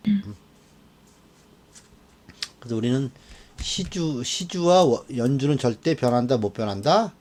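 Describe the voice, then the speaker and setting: A man teaching a class of students, animated and often checking that they follow along. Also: mid-range voice, unhurried, pauses often. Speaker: fortune-telling teacher. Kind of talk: classroom lecture.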